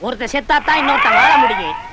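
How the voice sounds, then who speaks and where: A man's voice: extremely high pitch, wildly swooping pitch, racing, very noisy, heavily acted. An actor playing a cheeky, scheming male disciple who whines and wails when beaten in a film comedy. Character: sly scheming male disciple, a former convict. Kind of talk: Tamil film comedy dialogue.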